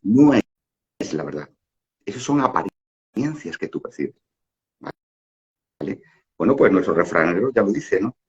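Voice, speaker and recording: Middle-aged male speaker, casual philosophical talk, lots of restarts and fillers; deep-ish voice, lo-fi recording. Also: sing-song, unhurried, pauses often. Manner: rambling, many fillers and restarts, rhetorical "¿no?". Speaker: spiritual talk facilitator. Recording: dull lo-fi audio.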